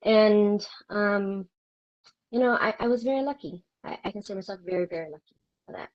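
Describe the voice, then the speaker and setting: A woman's voice: mid-range voice, brisk. Earnest woman on muffled lo-fi audio. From Vietnam. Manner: earnest, reflective, with hesitant restarts. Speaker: guest. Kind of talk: personal interview storytelling.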